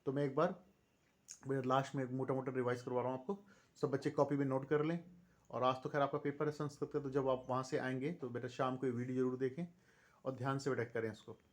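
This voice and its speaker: A man's voice: medium pitch, quick pace. A man with an Indian accent teaching English vocabulary online, reading long lists of synonyms and calling his students "beta" in a fatherly tone. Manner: reads synonyms one by one in a steady list. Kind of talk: online vocabulary lesson, reciting word lists.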